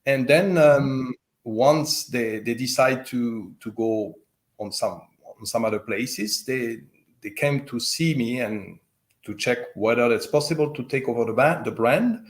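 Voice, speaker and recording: A loudspeaker company owner with a French accent, answering interview questions haltingly with many fillers and restarts. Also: male voice, mid-range voice. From French-speaking Switzerland.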